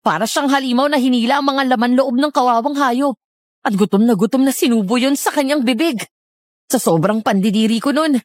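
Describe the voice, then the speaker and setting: A woman's voice: fairly high pitch, dry recording. Woman narrating horror in a dry recording. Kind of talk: dramatic first-person horror narration.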